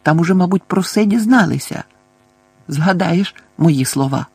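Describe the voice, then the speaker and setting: A man's voice: high-pitched, animated, moderate pace, creaky, darkish tone, breathy edge, no echo, voice pushed up, exaggerated voice. A male audiobook narrator voicing a frantic, cranky old woman who fusses and screeches. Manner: screeching, bossy, fussing.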